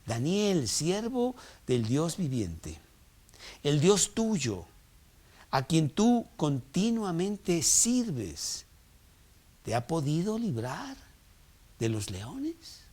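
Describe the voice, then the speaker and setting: A man's voice: fairly high pitch, big pitch swings, extremely slow, long pauses, dark tone, pitched above the performer's own voice, exaggerated voice. A preacher voicing a sorrowful, anxious king. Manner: sorrowful, pleading. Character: anxious pagan king calling into a pit.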